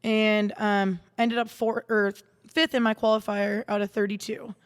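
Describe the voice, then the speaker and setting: A woman's voice: medium pitch, little pitch movement, measured pace, clear, resonant tone, in a large hall. A woman guest in a podcast studio telling stories in casual chat, rambling with many restarts and fillers. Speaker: guest, salon owner and darts player.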